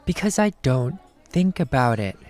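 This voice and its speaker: A man reads a film script, playing a short-tempered, sarcastic ex-cop turned bounty hunter who comes across blunt and dismissive, curt and irritated. His voice is medium-pitched, very animated, a little mellow and close to an everyday voice, at a moderate pace. Soft music plays in the background.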